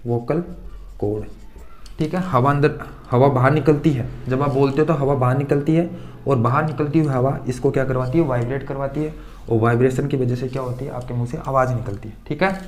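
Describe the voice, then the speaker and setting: A man teaching a school science class. He asks his pupils a question, answers it himself, then repeats the term again. His pitch sits in the middle of the usual male range. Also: steady tone, fairly quick, a little mellow, a little hiss or hum. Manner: addresses students fondly as children. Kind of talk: classroom-style science lesson.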